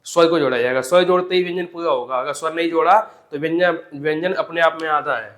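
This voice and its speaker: A man's voice: a little high, steady tone, fast, a bit bright. A young man teaching an exam-prep grammar lesson, repeating key points and asking and answering his own questions.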